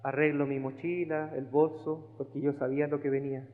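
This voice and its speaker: A man with a Chilean accent, a pastor preaching a sermon and telling his own story with lively acted-out voices. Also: on the high side, brisk. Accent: Chilean Spanish. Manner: animated storyteller acting out voices. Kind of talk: sermon testimony. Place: church sanctuary. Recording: phone-like band with long hall reverb.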